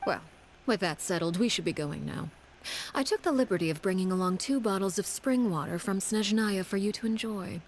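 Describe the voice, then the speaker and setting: A woman voicing a cold, composed commander in a video game who speaks in a measured, formal and quietly menacing way. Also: medium pitch, expressive, a little hiss or hum, close to an everyday voice, rough recording. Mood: calm. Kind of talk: game voice acting.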